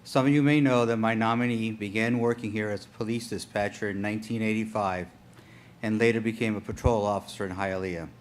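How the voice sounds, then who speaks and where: A man's voice: fairly low pitch, steady tone, brisk. A man speaking as a city manager, delivering a prepared formal speech over a meeting room microphone. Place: indoor public meeting room. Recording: meeting room mic with clear background noise.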